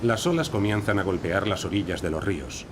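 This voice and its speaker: A man with a low voice reads scripted narration for a nature documentary, speaking fairly quickly. Behind him is rainforest ambience, with crickets, insects and other wildlife noise.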